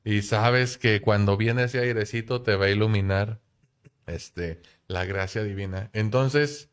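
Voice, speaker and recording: Guy hosting a podcast, low-ish voice, playful and chatty. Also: measured pace, clear, resonant tone. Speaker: podcast host. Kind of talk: casual podcast chat.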